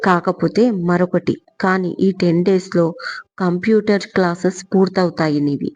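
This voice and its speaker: A woman voicing a bossy elder sister who scolds her younger sibling in firm, sharp commands, in a dull lo-fi recording. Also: lowish voice, fairly even intonation, moderate pace, natural voice. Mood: stern.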